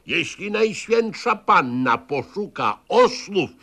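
A man's voice: sits high, big pitch swings, slow pace, creaky, pushed and bright, husky, voice pushed up, full character voice. A man playing a mocking lofty prince. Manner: lofty, teasing, declamatory. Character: mocking old-time male Polish prince. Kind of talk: literary reading, archive radio.

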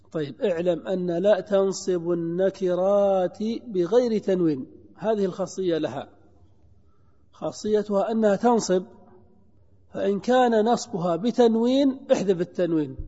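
A man with a fairly high but very mellow voice lectures on grammar, going slowly and repeating each rule as he quizzes his students. The sound is dull and muffled, with a long hall reverb around it. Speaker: teacher of Arabic grammar. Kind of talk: classroom lecture.

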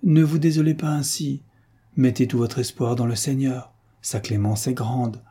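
A man's voice: mid-range voice, steady tone, normal speed, warm tone, natural voice. A man playing an oily, scheming priest. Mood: unctuous. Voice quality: oily, smooth-talking and stern. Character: unctuous scheming older male priest.

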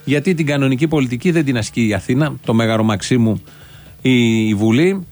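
A man's voice: mid-range voice, darkish tone. A man hosting a satirical show, giving scornful political commentary full of rhetorical questions.

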